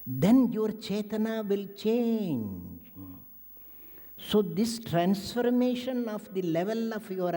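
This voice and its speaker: A man delivers a spiritual sermon at a very slow, deliberate pace, weaving anecdotes between Sanskrit verses. His voice sits at a mid pitch for a man. It rings out with a long reverb through a large hall. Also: mellow. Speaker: swami giving a spiritual discourse. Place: ashram discourse hall. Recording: echoey hall.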